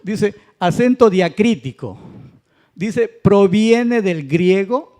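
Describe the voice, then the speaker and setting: Male teacher, slightly high-pitched, unhurried classroom lecture, keeps checking that students follow. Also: lively intonation, darkish tone. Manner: patient, checks understanding with tag questions. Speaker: Spanish grammar teacher. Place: church classroom.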